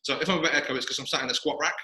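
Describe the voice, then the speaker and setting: A man's voice: medium pitch, pushed and bright. A man hosting a podcast in casual chat, talking from his gym with a big hall echo around his voice. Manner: quick, chatty, self-mocking. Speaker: podcast host. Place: echoey gym, sitting in a squat rack. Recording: echoey gym room.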